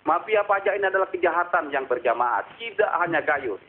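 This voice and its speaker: A man calls in to a live phone-in, airing political opinion in an earnest, formal way, with rhetorical questions and hesitant pauses. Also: a little high, animated. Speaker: phone-in caller. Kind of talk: radio show caller airing political opinion. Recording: tinny narrowband phone line.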